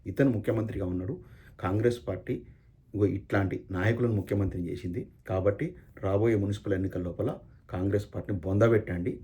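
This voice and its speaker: Guy ranting about politics, quick and fired up, deep mellow voice. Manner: fiery, rhetorical, repeats angry questions. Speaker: political commentator. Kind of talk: impassioned political speech.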